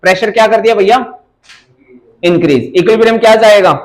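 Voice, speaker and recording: A man with a high, light voice runs a live chemistry class. He teases his students and calls them by pet names. He often drops into English phrases mid-sentence. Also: fairly quick, rough recording. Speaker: chemistry teacher.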